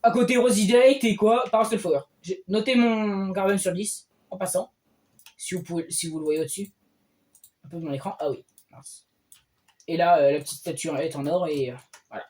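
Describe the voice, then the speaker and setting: A man giving casual gameplay commentary as a streamer, excitable and often bursting into loud cheers. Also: sits high, normal speed. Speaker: game streamer.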